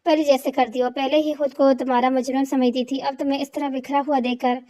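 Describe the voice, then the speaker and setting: A woman's voice: sits high, little pitch movement, mellow, lightly acted. A woman reading the lines of a guilt-ridden young wife in a romance novel, sorrowful and tearful.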